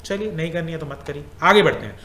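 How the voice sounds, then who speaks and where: A man's voice: fairly high pitch, fast talker, a bit bright, roomy sound. A male teacher going through exam questions in a casual way, repeating points and asking the class questions.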